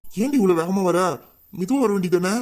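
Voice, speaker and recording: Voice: mid-range voice, animated, brisk, mellow, lightly acted. A performer voicing a teasing young man, a bossy boss and doting suitor, in an audio drama. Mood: caring. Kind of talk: Tamil audio drama acting.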